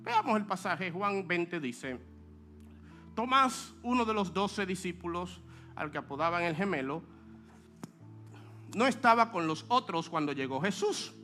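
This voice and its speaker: A man preaching a sermon as pastor, animated, with joking asides to the congregation, acting out quoted speech. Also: sits high, a little slow, pauses often, faint music behind.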